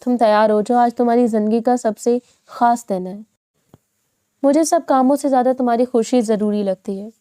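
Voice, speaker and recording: A woman voicing a gentle, hardworking young woman who speaks softly. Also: a little high, steady tone, no room sound, clean studio sound, lightly acted. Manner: soft, hurried.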